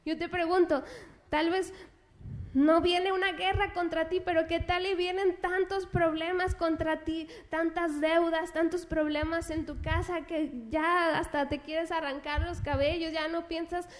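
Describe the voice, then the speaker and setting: A woman delivers a sermon in a very high voice. She speaks earnestly, putting questions straight to the listener, and slows down to read scripture deliberately. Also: level tone. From Mexico. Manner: reads scripture slowly and deliberately. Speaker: preacher.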